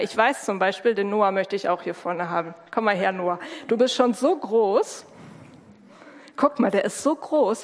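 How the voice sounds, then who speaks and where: A woman hosting an event, coaxing and chatting with children in a lively, warm manner. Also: mid-range voice. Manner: warm coaxing, speaks to kids directly. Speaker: host of a school-start service. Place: large hall with a crowd. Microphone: handheld microphone. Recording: long hall reverb, crowd murmur.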